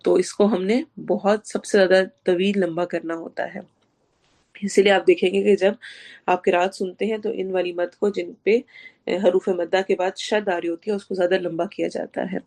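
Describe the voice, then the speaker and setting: In a lowish, steady, slightly mellow voice roughened by a mildly sore throat, a woman explains Quran recitation rules step by step in an online class. She asks her students questions and drops in English words.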